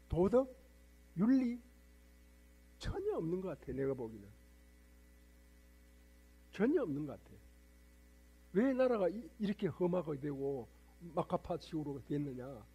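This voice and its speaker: Husky, mellow-voiced monk lecturing a congregation. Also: male voice, high voice, sing-song, normal speed, long pauses. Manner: lecturing, rhetorical questions to congregation. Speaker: Buddhist monk preacher. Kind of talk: sermon. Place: temple hall with congregation.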